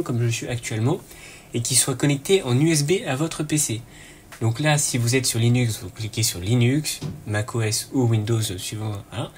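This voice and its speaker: A man hosting a casual screen-recorded tech tutorial, relaxed and chatty, often pausing with fillers and a quick "hop" as he clicks. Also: medium pitch, a little hiss or hum.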